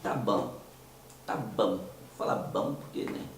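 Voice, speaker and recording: A man from Minas Gerais, Brazil, hosts a commentary show, speaking Brazilian Portuguese with a Mineiro accent in a casual monologue. His low voice is hoarse from a cold, and he talks slowly and conversationally, hesitating, restarting, and tossing out rhetorical questions. The mic sits far from him in an echoey room, with slight background noise.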